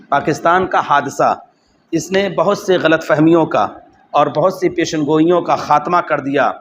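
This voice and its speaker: A man teaching a lesson on an Arabic text, reading phrases slowly and then repeating them in explanation. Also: fairly high pitch, a little hiss or hum.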